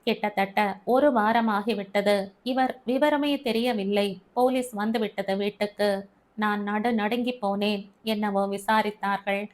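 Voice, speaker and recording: A woman's voice: medium pitch, fairly even intonation, measured pace. Woman narrating a short story. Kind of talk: first-person audiobook narration.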